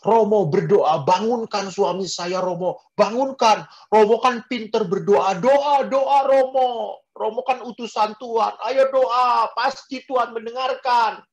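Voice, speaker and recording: A man's voice: measured pace, hardly any pauses, highs cut off. A man voicing a frantic grieving widow who insistently begs the priest to pray her husband back to life. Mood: desperate pleading. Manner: pleading, shrill and insistent.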